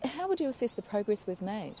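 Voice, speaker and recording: A woman's voice: mid-range voice, very animated, fast talker, mellow, soft background music. A woman putting probing questions in a news interview. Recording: clear ambient location noise.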